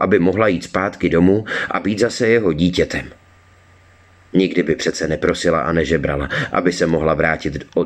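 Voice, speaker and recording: A man narrating a children's storybook in a calm, measured reading. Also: low voice. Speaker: audiobook reader.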